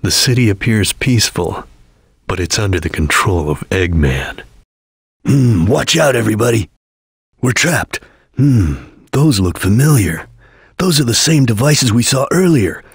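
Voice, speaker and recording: A man voicing a stoic, serious chameleon ninja in a video game, speaking in a terse, grave, deliberate way. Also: lowish voice, lively intonation, gravelly, breathy edge, no room sound, clean studio sound, exaggerated voice. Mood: watchful, serious. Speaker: video game character voice actor. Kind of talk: video game voice lines, hints and callouts.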